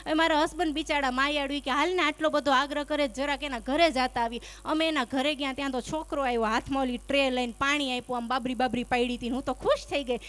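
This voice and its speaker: A woman's voice: high voice, fairly even intonation, fast, few pauses, a bit bright. A woman stand-up comedian, telling teasing stories on a live stage and acting out the dialogue. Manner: chatty, teasing, acts out dialogue. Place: stage before a live audience. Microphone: stage microphone.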